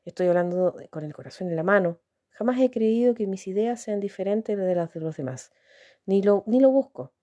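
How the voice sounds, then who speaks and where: A woman's voice: medium pitch, animated, normal speed, mellow, dry recording, dull audio, lightly acted. A woman reading aloud, voicing a blunt, lonely young woman in a storybook reading, with a candid, hesitant way of talking. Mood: wistful. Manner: candid, musing, hesitant restarts.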